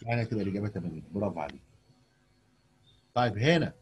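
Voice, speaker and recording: Egyptian guy tutoring a kid on a video call, quick husky voice, keeps nudging her to answer. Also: on the low side, animated. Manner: patient, coaxing questions to a young pupil. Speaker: math teacher. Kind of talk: online tutoring lesson.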